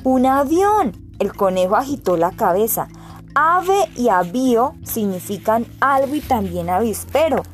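A woman narrating a storybook with even, clear delivery, faint music behind her. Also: a little high, moderate pace. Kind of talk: storybook reading.

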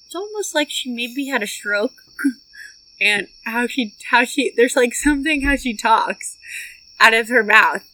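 Bright, giggly woman podcast co-host. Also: a little high, expressive, a little slow, rough recording. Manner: giggly, chatty, trailing off. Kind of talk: casual movie chat.

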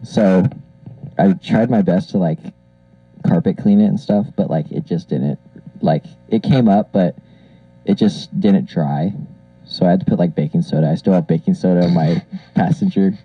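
A young male podcast co-host talks through an old karaoke mic that sounds like a cockpit intercom, muffled and dry. His voice sits a little low, and he rambles with lots of fillers and laughs. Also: moderate pace, breathy edge, no echo. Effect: muffled karaoke-machine mic, like a pilot on an intercom. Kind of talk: casual chat. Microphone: old karaoke machine microphone.

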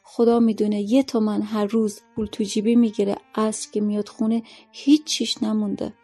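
A woman's voice: medium pitch, flat delivery, warm tone, faint music behind, close to an everyday voice. A woman voicing a poor old grandmother who pleads tearfully and curses under her breath, in a story reading. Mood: pleading.

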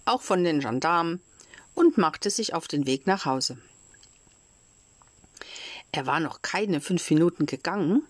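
Woman storyteller, slow audiobook read, lowish voice, dry close sound. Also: no room sound. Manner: calm, measured storytelling. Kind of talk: audiobook reading of a children's classic.

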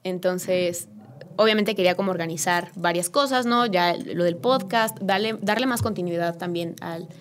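A woman with a Mexican accent, a podcast guest telling a personal story in a lively, emotional, chatty way. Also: lowish voice, moderate pace, slight background noise. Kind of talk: casual interview storytelling.

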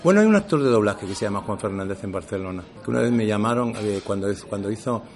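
A middle-aged actor from Seville, Spain, speaks quickly in a lowish voice during a casual interview. He uses neutral Castilian Spanish for work but Andalusian at home, and he tells his stories with animation, acting out the quoted dialogue.

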